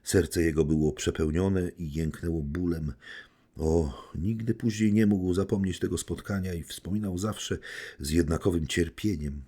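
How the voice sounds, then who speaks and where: A man reading a classic novel aloud as an audiobook narrator, measured and steady. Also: deep voice, husky. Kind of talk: scripted literary narration.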